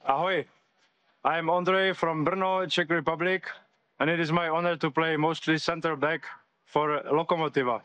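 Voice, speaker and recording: A man giving a friendly, unhurried self-introduction as an amateur footballer. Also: fairly high pitch, fairly even intonation, bright, forceful tone, no echo.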